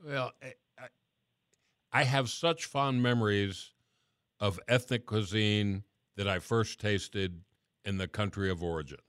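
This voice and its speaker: A middle-aged man hosting a radio talk show, chatting casually and letting his phrases trail off softly. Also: on the low side, unhurried, pauses often, clean tone, no room sound, clean studio sound.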